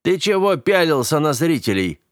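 A man voicing a gruff grumbling fight trainer. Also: fairly high pitch, sing-song, moderate pace, no echo, clean studio sound, pitched above the performer's own voice. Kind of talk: audiobook character voice.

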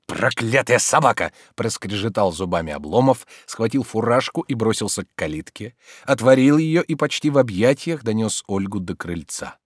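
A man reading a classic novel aloud in an expressive, theatrical narration. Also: medium pitch, dry recording, clean studio sound.

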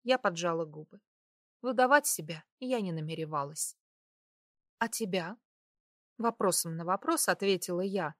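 A woman's voice: on the low side, normal speed, a bit bright, dry recording, clean studio sound. Woman narrating a romance audiobook. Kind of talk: first-person audiobook narration.

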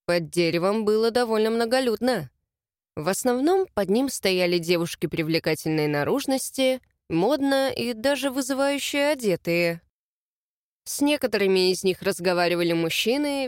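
A woman's voice: fairly high pitch, no room sound, studio quality. A woman reading a first-person novel aloud as an audiobook narrator.

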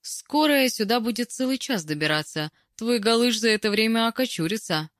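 A woman reading a story and voicing a big, brash, teasing female friend who talks loudly and boldly, in a dry, close recording. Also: on the high side, lively intonation, normal speed, dry recording, pitched above the performer's own voice. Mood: scheming. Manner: bold, teasing, loud.

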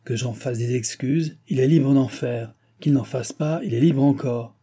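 A man reads out a petulant aging king in an audiobook, all exasperated complaint and wounded pride. His voice is very dark and mellow. It has a husky grain, and the lines come out raised and loud. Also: medium pitch, measured pace. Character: irritable aging male king, petulant and self-pitying. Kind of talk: audiobook character reading.

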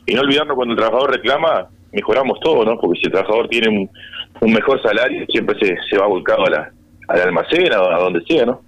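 Halting low-voiced man. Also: lively intonation, dull audio. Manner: halting, repeats words, laughs wryly. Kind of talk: radio interview.

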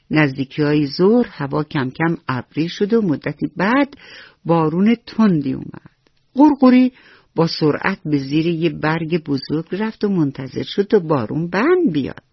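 A man telling a bedtime story to children on radio, gentle and playful, speaking right to the kids. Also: fairly high pitch, vocal fry, breathy edge, dry recording. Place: radio studio. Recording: dull lo-fi radio recording with faint music.

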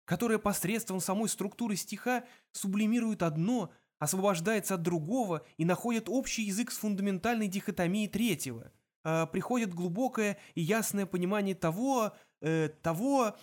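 Man doing a frantic Earthman, high and wailing, excitable, audiobook character. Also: moderate pace. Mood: eager. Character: frantic panicky Earthman, young adult male.

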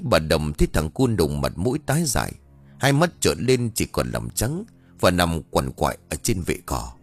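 Male narrator, ghost story, dramatic, low voice, very lively intonation, faint music behind.

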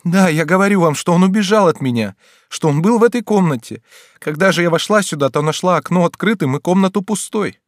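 A distraught young countess, as a male audiobook reader puts her on, speaks in a raised, strained and pleading voice. Her tone sits noticeably higher than a plain male voice, and the close, dry recording carries no room sound. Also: a little fast, no room sound, natural voice. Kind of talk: audiobook character reading.

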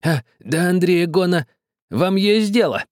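A man's voice: sits high, expressive, a little slow, a little mellow, dry recording, studio quality, pitched above the performer's own voice. A man voicing a stubborn, quarrelsome old village man who grumbles, wheedles and threatens. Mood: menacing.

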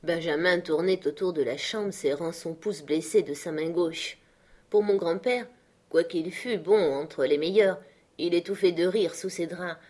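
A woman reading a classic novel aloud as an audiobook, in a measured and expressive storytelling manner. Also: on the low side. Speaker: audiobook reader. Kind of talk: literary narration.

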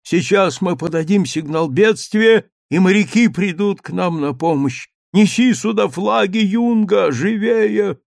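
A man's voice: sits high, measured pace, gravelly, hardly any pauses, no echo, studio quality, voice pushed up. A man doing a raving old lighthouse keeper. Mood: raving shout. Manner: mutters, then shouts frantic sea commands.

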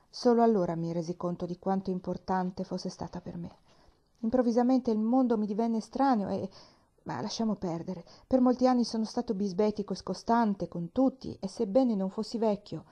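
A weary, once-bitter older man confessing slowly and heavily, read out by a woman. The voice is low-key and mellow, with no brightness in it, and it pauses under the weight of what it says. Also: highs cut off, close to an everyday voice. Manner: subdued, heavy, halting confessions. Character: lonely, gruff older man, under sixty.

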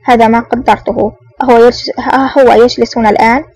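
A woman reading a young female agent posing as a secretary, hushed and feigning nerves, in an audiobook. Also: fairly high pitch, steady tone, fast, no room sound, rough recording. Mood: whispering. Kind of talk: audiobook narration.

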